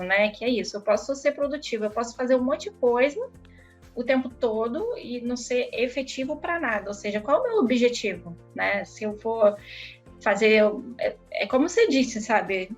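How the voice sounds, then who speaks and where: A woman with a Brazilian Portuguese accent co-hosting a podcast, reflective and thinking aloud in casual chat with fillers and tag questions. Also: fairly high pitch. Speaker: podcast co-host. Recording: dull lo-fi recording.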